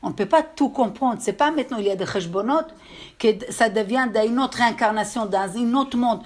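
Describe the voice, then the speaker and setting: This religious teacher has a fairly high pitch and an accent. Lecturing a group, she tells stories with halting restarts and regularly asks whether her listeners have understood.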